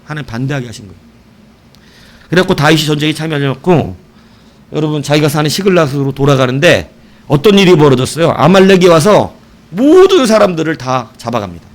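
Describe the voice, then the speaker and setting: A middle-aged male pastor preaching an evening sermon, telling stories with animated shouts and asking his congregation questions. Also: fairly high pitch, fast talker.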